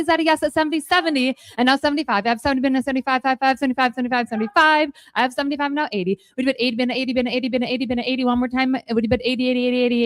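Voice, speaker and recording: High, fast-chanting American woman auctioneer. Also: dry recording, studio quality. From Minnesota, United States. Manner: auctioneer's rattling, repetitive number chant. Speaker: contestant auctioneer. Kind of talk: auctioneer chant, rapid rhythmic repeated bid calling.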